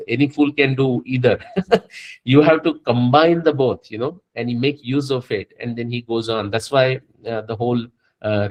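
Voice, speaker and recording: A man's voice: mid-range voice, darkish tone, poor audio. A man giving a spiritual lecture, explaining step by step with frequent fillers and restarts.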